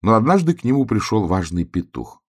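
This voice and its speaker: A man reading a children's tale aloud, soft and expressive. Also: lowish voice, a little fast. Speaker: narrator. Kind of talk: storybook reading.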